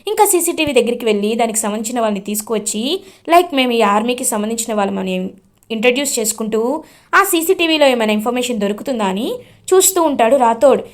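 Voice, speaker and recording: Scene by scene, a woman retells an episode of a television serial, her high voice lively and flowing like a storyteller's. She talks fast.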